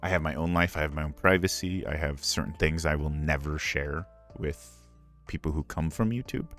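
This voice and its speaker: A man's voice: a bass voice, moderate pace, fairly bright tone, faint music behind. A man who streams and voices ASMR, talking candidly and earnestly in a casual live Q&A, rambling with frequent asides.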